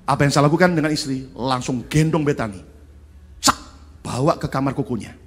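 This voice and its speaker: A man preaching a sermon as pastor, telling family stories animatedly and rising to emphatic shouts on key points. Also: medium pitch, fairly quick, slightly rough. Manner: animated storytelling, acting out family scenes.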